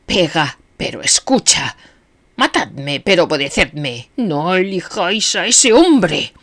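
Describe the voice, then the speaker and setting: A woman voicing a frantic, desperate male anarchist who shouts and pleads in anguish, in an audiobook reading. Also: lowish voice, sing-song, takes it slowly, full character voice. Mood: pleading.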